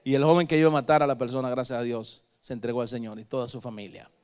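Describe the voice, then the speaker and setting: A male preacher telling stories emphatically in a sermon, swinging between soft and loud. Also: medium pitch, fairly even intonation, fast, smooth.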